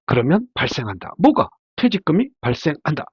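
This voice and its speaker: Here a man with a fairly high, sing-song voice and a breathy edge speaks a little fast, giving an informal slide lecture as a labor attorney in which he explains and frequently answers his own questions. Congestion from a head cold makes him stuffy and nasal. There's no echo, though the lo-fi sound is dull and muffled.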